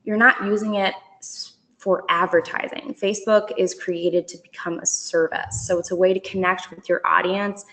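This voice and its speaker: A woman's voice: lowish voice, flat delivery, normal speed, fairly bright tone. A woman presenting a marketing webinar in a chatty, upbeat way, laughing often. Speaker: company presenter.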